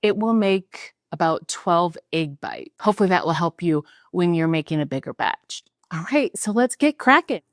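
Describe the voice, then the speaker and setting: A woman's voice: fairly low pitch, animated, moderate pace, hardly any pauses, no echo, clean studio sound. A woman chatting her way through a cooking tutorial at home, laughing at herself as she carefully goes through each measurement. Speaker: home cook showing a recipe. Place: home kitchen.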